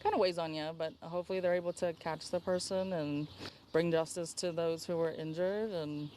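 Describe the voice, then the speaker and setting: A woman's voice: fairly low pitch, steady tone, normal speed, dark tone, a little hiss or hum. Reflective woman neighbor outdoors. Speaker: neighbor interviewed. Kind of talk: interview comment.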